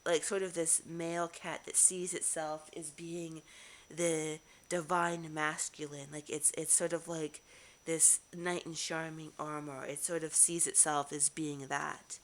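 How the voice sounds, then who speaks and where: A woman giving a casual tarot reading to camera, musing aloud with halting restarts. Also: low voice, little pitch movement, a little hiss or hum. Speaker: tarot reader.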